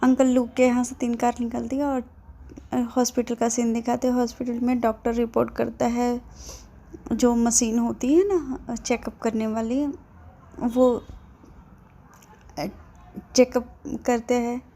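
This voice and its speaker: A woman's voice: a little high, flat delivery, measured pace, long pauses, dark tone. A woman storyteller casually retelling a drama plot in a chatty, digressive way, full of fillers.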